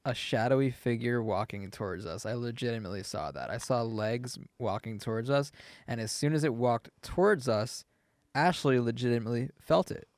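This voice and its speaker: A man co-hosting a relaxed podcast chat, spinning a rambling story full of filler words. His voice sits in a middle pitch and is recorded close and dry, with no room sound around it. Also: moderate pace, no echo. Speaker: podcast co-host. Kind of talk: casual chat.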